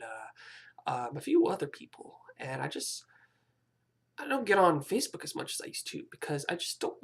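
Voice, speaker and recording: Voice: medium pitch, gravelly, breathy edge. A young adult of about twenty vlogging a rambling, hesitant personal confession, often apologizing and restarting sentences.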